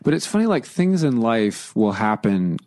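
A man in his forties chatting about fatherhood, animated, acting out quotes with big jumps in his voice. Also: medium pitch, moderate pace. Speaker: guest, author and father. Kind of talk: casual podcast conversation.

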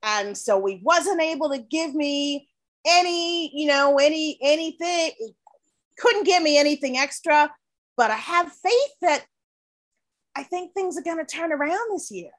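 A woman's voice: high-pitched, lively intonation, unhurried. A woman playing an eager female beauty shop receptionist in an improvised comedy scene, sweet and earnest.

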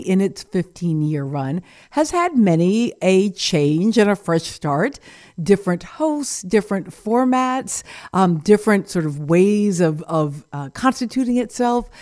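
A woman's voice: mid-range voice, a little mellow. Chatty radio host woman. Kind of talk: casual radio interview.

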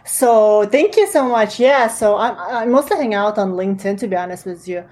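A woman in her late twenties from Kazakhstan, a native Russian speaker with a Russian accent, chats as a guest entrepreneur on a podcast. Her medium-pitched, darkish voice moves at a moderate pace with lively intonation. In this casual interview she stays friendly, using lots of fillers and restarts.

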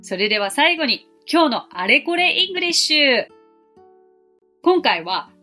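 A woman in her forties hosting a podcast English lesson, explaining clearly and gently and slowing down to model English phrases. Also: sits high, big pitch swings, faint music behind. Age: 40s. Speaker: English teacher and podcast host.

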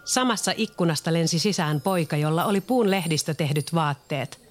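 Children's story narrator, clear, steady delivery. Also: medium pitch, faint music behind.

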